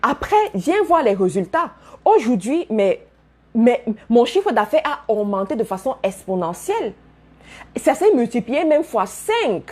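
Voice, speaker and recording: A woman's voice: a little high, very animated, measured pace, darkish tone. A woman giving a motivational business talk to her followers, speaking emphatically, repeating key phrases and addressing listeners directly. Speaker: business coach.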